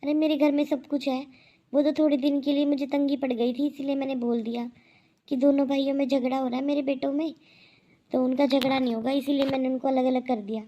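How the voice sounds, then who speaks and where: A woman voicing a proud elderly aunt who scolds loudly and with indignation in a cartoon. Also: high voice, level tone, a little fast, muffled recording, lightly acted. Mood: indignant.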